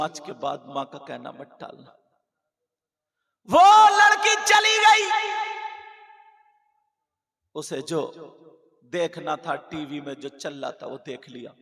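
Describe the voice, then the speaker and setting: A man's voice: a little high, creaky. A man preaching at a village religious gathering, telling a moral story dramatically and acting out a girl's cries. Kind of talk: sung-out Urdu sermon story. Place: open-air religious gathering. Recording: roomy loudspeaker echo, long reverb.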